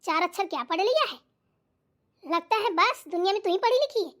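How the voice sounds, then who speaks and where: A woman voicing a bossy, sharp-tongued mother-in-law in a cartoon, scolding and taunting with old sayings. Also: very high-pitched, lively intonation, fairly quick. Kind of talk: cartoon voice acting.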